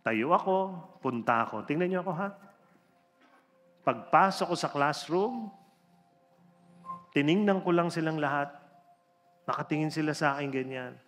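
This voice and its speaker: Animated man telling a story. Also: normal speed, long pauses. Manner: animated, theatrical storytelling with big swings in pitch and loudness. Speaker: religion teacher telling a story to an audience. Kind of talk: inspirational storytelling talk. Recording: reverberant hall with faint background music.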